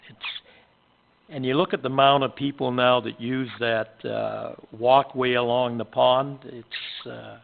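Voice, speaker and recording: A gravelly-voiced Canadian man speaks up as a town councillor, plain-spoken and halting, filling pauses with "uh". The sound is thin and tinny, like a phone line. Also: medium pitch, fairly even intonation. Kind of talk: council meeting discussion.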